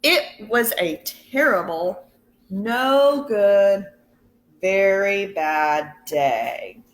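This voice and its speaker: In a storybook read-aloud, a teacher with a mid-range voice performs a picture book for children. She reads with expression and care, stopping now and then to put questions to them.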